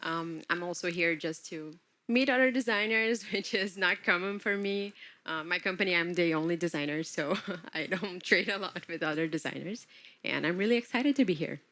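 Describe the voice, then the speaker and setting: A woman's voice: on the low side, normal speed, sharp tone. A woman from Brazil, a product designer, introducing herself in a friendly, chatty way at a workshop. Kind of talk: self-introduction.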